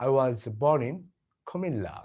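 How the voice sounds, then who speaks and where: A man's voice: medium pitch, sing-song, breathy edge. Bangladeshi man teaching English, lo-fi. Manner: slow, deliberate repetition of example sentences. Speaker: English tutor. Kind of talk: language lesson with model dialogues.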